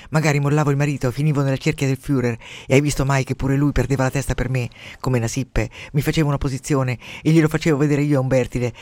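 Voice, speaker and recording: A man's voice: medium pitch, a little mellow, dry recording, natural voice. A man voicing a spiteful, boastful dying old woman who sneers and gloats, in a radio story reading.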